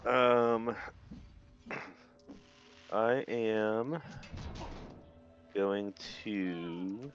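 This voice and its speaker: A man talking casually as a tabletop game player, halting and deliberate as he lays out moves. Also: fairly low pitch. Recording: dull lo-fi, faint music behind.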